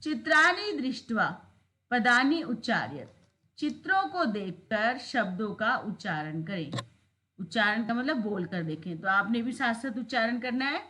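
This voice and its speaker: A woman teacher giving a lesson, explaining step by step and saying words slowly so students can repeat after her. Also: medium pitch, sing-song, sharp tone, heavy reverb. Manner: slow, clear, repeats words for students to follow.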